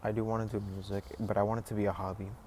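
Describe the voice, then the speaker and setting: A man's voice: lowish voice, flat delivery, very fast, a little mellow. A man of twenty talking casually to camera, rambling and reflective, with many "like"s and "you know"s. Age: 20s. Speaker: vlogger. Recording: noisy background ambience.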